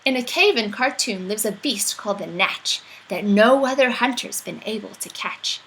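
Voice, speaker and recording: A woman's voice: medium pitch, moderate pace, fairly bright tone, slight background noise, rough recording. A woman reading a rhyming children's picture book aloud in a playful, theatrical storytelling manner.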